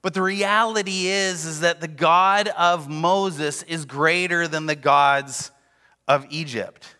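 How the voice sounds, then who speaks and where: A man's voice: a little high, fairly even intonation, slow, bright, forceful tone, long reverb tail. A man preaching a sermon, emphatic and driving home repeated refrains. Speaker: pastor.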